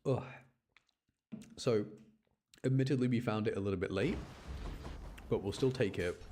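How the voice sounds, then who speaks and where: A game streamer gives casual, chatty live commentary, often explaining things and cutting himself off mid-thought. His voice is on the low side and darkly toned at a normal speed, with slight background noise and music behind him.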